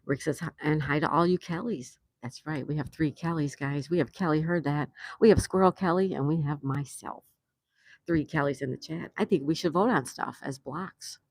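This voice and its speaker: This older woman from New York, hosting a casual livestream on a patio, speaks low at a moderate pace. Her voice is a little mellow and slightly rough, with no echo, as she reads viewer comments aloud and laughs often.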